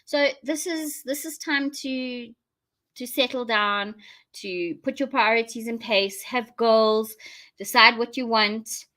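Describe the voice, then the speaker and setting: A woman's voice: fairly high pitch, slow, fairly bright tone. A South African woman hosting a casual live chat for her viewers, rambling and thinking aloud as she goes. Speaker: host of a live online show.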